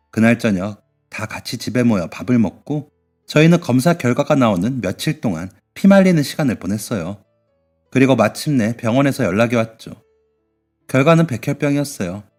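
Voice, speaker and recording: A man reading a scripted first-person story in an even, measured way. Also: medium pitch. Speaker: story narrator. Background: faint music.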